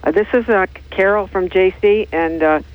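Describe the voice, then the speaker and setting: A woman's voice: medium pitch, normal speed, dry recording. A woman calls in to a radio show over a landline phone, and her voice comes through tinny and narrow. The sound is dry and close, with no room around it. She talks bluntly and teasingly, stumbling over fillers. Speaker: caller. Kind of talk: call-in radio chat.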